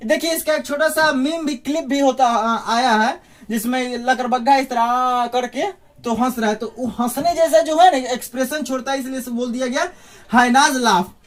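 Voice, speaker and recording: Male teacher, fairly high voice, casual lesson delivery, asks the viewer questions as he goes. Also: normal speed. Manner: chatty, joking asides, asks the listener questions. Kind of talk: informal spoken lesson.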